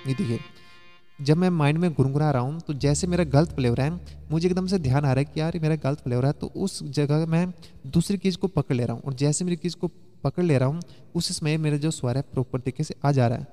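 A man's voice: fairly high pitch, quick pace, dark tone, long reverb tail. A man teaching a keyboard lesson in a chatty way, explaining step by step and sometimes humming song lines. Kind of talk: casual spoken music lesson. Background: faint keyboard music.

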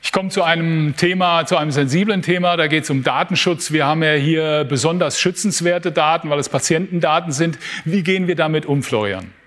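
A man's voice: a little high, a little fast, hardly any pauses, fairly bright tone. Middle-aged male studio host. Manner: clear questions, polite lead-ins. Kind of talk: moderating a studio interview. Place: television-style studio.

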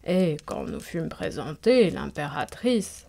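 A woman voicing an old, haughty and capricious countess in a storybook reading, giving drawn-out commands. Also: low-pitched, sing-song, gravelly, mellow, full character voice. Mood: imperious.

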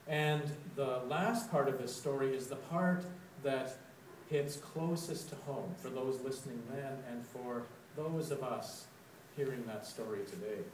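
A man preaching in a church, his voice at a middle pitch, unhurried and measured as he unfolds a story. The mic sits some distance away, so the sound is roomy and echoing, with a faint hiss underneath. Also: darkish tone. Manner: slow, deliberate storytelling, with dramatic quoted outbursts. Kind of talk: sermon reflection. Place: church sanctuary. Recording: echoey church, recorded from a distance.

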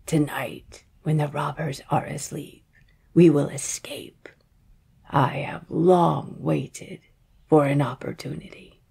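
A woman voicing a very old woman who speaks slowly and hushed, sinking into whispers. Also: low-pitched, steady tone, vocal fry, breathy edge, heavily acted. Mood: hushed urgent. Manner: slow, hushed, drops into whispers. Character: very old woman, pitying, secretive.

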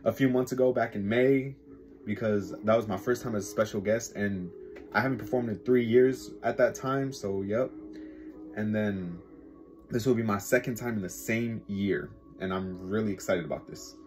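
A young man chatting casually in a vlog, excited and rambling with lots of fillers. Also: on the low side, normal speed, soft background music. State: sleepy, just woken up. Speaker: vlogger.

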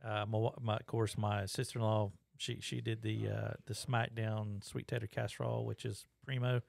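A low, gravelly man talks into a boom mic in a shop, folksy and rambling with plenty of "uh"s. His chat is easygoing and unhurried. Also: flat delivery, a little mellow. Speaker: podcast co-host. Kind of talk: casual chat. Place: fly shop, indoors. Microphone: boom mic with headphones.

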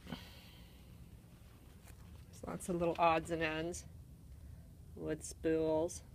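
A Canadian-accented woman narrates a relaxed walk through an antique mall on a handheld phone camera, listing things and what they cost. Her low, gravelly voice is monotone and extremely slow, and there's a bit of hiss or hum.

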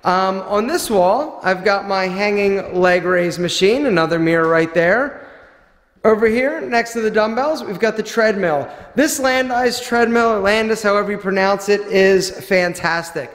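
A man in his forties talks animatedly in a fitness vlog, his voice on the high side. He presses his points with emphasis. The recording is roomy, with a long reverb off the bare walls of a small room. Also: unhurried. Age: 40s. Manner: animated, emphatic, gesturing broadly. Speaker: fitness vlogger. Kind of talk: home gym tour vlog. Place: small home gym room, indoors.

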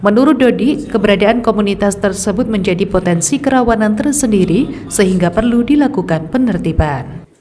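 A woman reading scripted news narration in a formal, measured manner as a reporter. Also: mid-range voice, animated, a little mellow.

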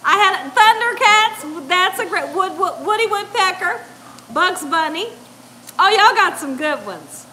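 A middle-aged woman, hosting a casual livestream from her home kitchen and reading out chat, laughing often and chatting in an animated way. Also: very high voice, a little slow, slight background noise. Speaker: cooking channel host reading live chat. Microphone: lapel mic.

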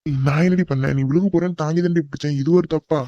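A man's voice: on the high side, steady tone, racing, dark tone, no room sound, lo-fi sound, close to an everyday voice. A man voicing a cocky teasing young man. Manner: bold, bossy teasing. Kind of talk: cartoon voice acting.

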